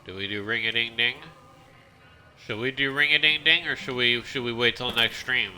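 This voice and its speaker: A man's voice: medium pitch, moderate pace, sharp tone. A man streaming a game, chatting casually and rambling as he plays, often stopping and restarting his sentences. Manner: rambling, self-interrupting, chatty. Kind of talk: casual gameplay commentary.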